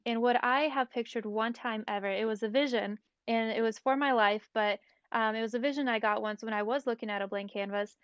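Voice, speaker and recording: A woman chatting casually about faith as a podcast guest, animated and rambling with many fillers. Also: on the high side, no room sound, muffled recording.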